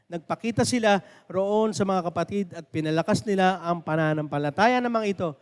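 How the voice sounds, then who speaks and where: High-voiced Filipino pastor preaching in a hall. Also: male voice, a little fast, clear, resonant tone. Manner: preaching with rising and falling emphasis, asking the congregation questions. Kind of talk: sermon.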